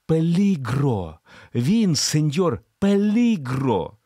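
A man's voice: fairly high pitch, big pitch swings, drawn-out words, warm tone, no echo, clean studio sound, pitched above the performer's own voice, exaggerated voice. A man voicing a terrified pleading young woman. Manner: frantic, pleading cries.

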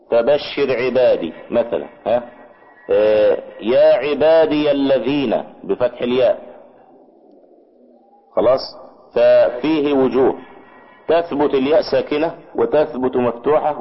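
Egyptian guy teaching grammar, mid pitch, keeps asking if u got it, dull muffled recording. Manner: explains patiently, checks understanding with quick questions to students. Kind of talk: classroom grammar lesson.

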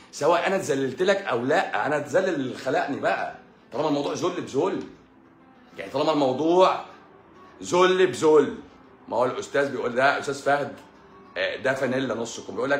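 A man with an Egyptian Arabic accent, a doctor answering viewer comments in a live-stream monologue, sarcastic and scolding, repeating phrases for emphasis. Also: mid-range voice. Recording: echoey room with faint music.

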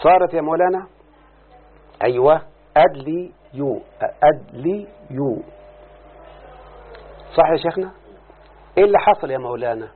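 Egyptian guy teaching grammar, kinda high voice, keeps asking the class to answer back, tinny lo-fi sound. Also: animated, normal speed, pauses often, breathy edge. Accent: Egyptian Arabic. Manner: repeats questions to students, stretches out key words. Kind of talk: grammar lesson. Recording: phone-like lo-fi recording.

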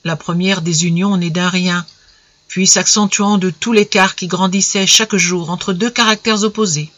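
A woman reading a classic short story aloud with measured narration. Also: fairly low pitch, steady tone, fairly bright tone, no room sound. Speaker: reader.

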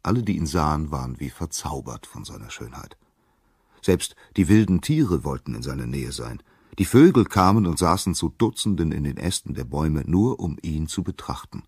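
A man with a very deep, slightly husky voice narrates a myth in a calm and measured way. The recording is dry and close, with no room sound at all. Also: no echo. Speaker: storyteller.

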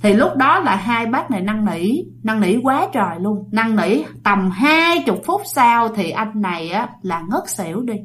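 A woman telling a ghost story in a chatty, casual way. She speaks directly to her listeners and keeps the tale moving. Her voice sits a little higher than most women's. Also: lively intonation, a little slow, few pauses, fairly bright tone.

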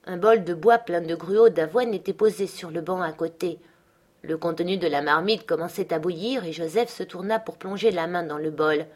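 A woman reads a classic novel aloud in the first person. Her voice sits fairly low, and she keeps a measured, steady pace. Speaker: audiobook reader. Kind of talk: literary audiobook narration.

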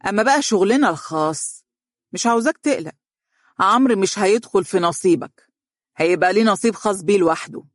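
A man voicing a haughty, sharp-tongued Egyptian businesswoman. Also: high-pitched, fairly even intonation, fairly quick, dry recording, clean studio sound, natural voice. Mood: domineering. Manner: sharp, scornful, domineering. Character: bossy, haughty businesswoman, adult. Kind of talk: audiobook character reading.

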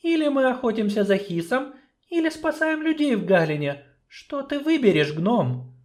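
A man voicing a troubled young sorceress in a high, strained falsetto for an audiobook. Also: big pitch swings, normal speed. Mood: grave. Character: troubled young female sorceress, weary, wry.

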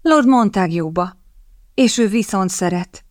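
A woman's voice: mid-range voice, expressive, no room sound, clean studio sound, natural voice. A woman voicing a passionate, lovestruck young younger sister who pleads and protests indignantly.

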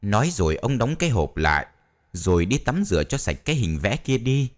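Lively, low-voiced ghost story narrator. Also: male voice, a little fast. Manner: dramatic, swinging pitch. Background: faint music.

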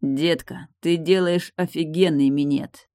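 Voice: mid-range voice, fairly even intonation, a little slow, mellow, no echo, studio quality, natural voice. A narrator voicing a brash, stubborn man who talks bluntly and teasingly in an audiobook. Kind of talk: audiobook character voice.

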